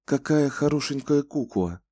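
Man doing a soft kind lady voice, pleasant and soothing, a bit higher than his own, dry recording. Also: expressive, normal speed, no room sound. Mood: gentle soothing. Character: kind, gentle grown woman soothing a child.

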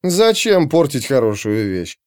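A man's voice: mid-range voice, big pitch swings, measured pace, darkish tone, no echo, clean studio sound. A man doing a drunk barbarian with a heavy Scythian accent. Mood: drunk swagger. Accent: strong Scythian accent put on. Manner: slurred, scornful, swaggering.

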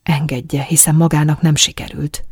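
A woman voicing a soft-spoken, courteous male lover in an audiobook, speaking low and hushed. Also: level tone, dry recording, clean studio sound. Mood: hushed, pleading. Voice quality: husky, hushed. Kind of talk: audiobook reading.

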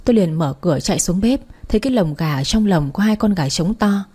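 Woman reading a love story in first person, husky and mellow, plain steady telling. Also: mid-range voice, a little fast. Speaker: narrator.

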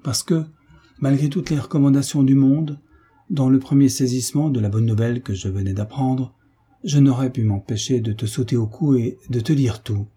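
A man's voice: mid-range voice, steady tone, moderate pace, warm tone, breathy edge, pitched above the performer's own voice. A man voicing a joyful older sailor, a veteran uncle who speaks in hearty exclamations.

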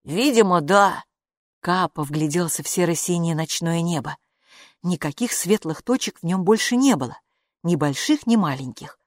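A woman narrating a children's story aloud in an animated, expressive way. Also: on the low side, normal speed, dry recording, studio quality. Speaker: audiobook narrator.

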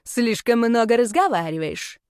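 A woman voicing an arrogant, domineering aging male rector of a magic academy in an audiobook, speaking slowly and haughtily. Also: a little high, big pitch swings, clear, resonant tone, no room sound, studio quality. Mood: haughty, menacing. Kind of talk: audiobook character voice.

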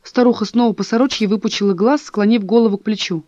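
A woman's voice: medium pitch, steady tone, fast, mellow, no room sound. A woman reading a story aloud as narrator, on a dull, dry recording. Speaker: audiobook reader. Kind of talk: scripted narration.

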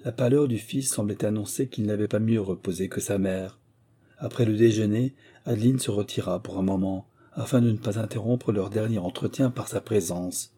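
A man narrating a classic novel in a measured, even literary reading. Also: lowish voice, husky. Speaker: audiobook narrator.

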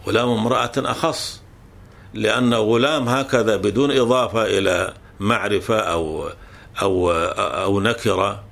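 A man's voice: on the low side, normal speed, vocal fry, a bit bright. A man teaching a grammar lesson, patiently explaining with examples and often restarting words.

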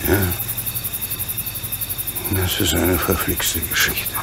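A man's voice: low-pitched, level tone, takes it slowly, creaky, heavily acted. A man playing a burly, kindly, fatherly locomotive engineer in a German radio play, earnest and comradely in manner. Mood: grave, worried. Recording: noisy recording with cricket chirps behind. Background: chirping crickets, night ambience.

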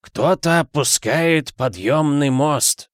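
A man voicing a deferential male servant who speaks excitedly. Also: medium pitch, a little slow, dry recording, clean studio sound, voice pushed up. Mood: alarmed.

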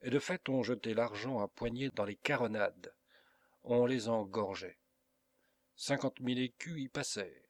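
A man narrating a classic adventure novel as an audiobook reader, in an expressive, dramatic storytelling manner. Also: medium pitch, no echo.

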